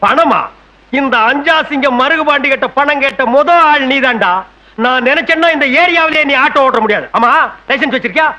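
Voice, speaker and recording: A man's voice: very high-pitched, fairly quick, bright, forceful tone, full character voice. A man playing a domineering local strongman who scolds and orders others around. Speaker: bossy local strongman in film. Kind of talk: film comedy dialogue.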